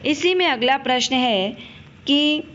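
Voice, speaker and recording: A woman's voice: high-pitched, animated, slow, a bit bright, muffled recording, a little hiss or hum. A woman teaching a primary school Hindi lesson, patiently addressing the children, asking questions and then answering them herself. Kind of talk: classroom lesson explanation.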